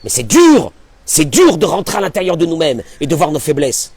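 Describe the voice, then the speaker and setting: A rabbi giving a Torah class in an emphatic, animated way, full of rhetorical questions. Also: male voice, on the high side, moderate pace, husky, dry recording.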